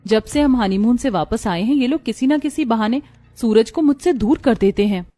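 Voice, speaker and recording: Woman voicing a defiant young bride, firm, kinda high, soft music behind. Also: expressive, normal speed, no room sound. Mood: suspicious. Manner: indignant, firm. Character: proud poor young bride, hurt and defiant.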